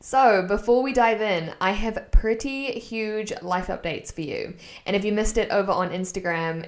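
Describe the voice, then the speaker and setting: Upbeat chatty woman podcast host. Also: mid-range voice. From New Zealand. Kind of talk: solo wellness podcast talk.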